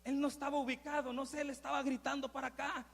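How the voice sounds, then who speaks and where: A male pastor preaches dramatically in a high, bright, gravelly voice. He moves from hushed asides to loud cries. His voice carries a long reverb in a church hall. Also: flat delivery, quick pace. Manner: dramatic, swinging from hushed to shouting. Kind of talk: sermon.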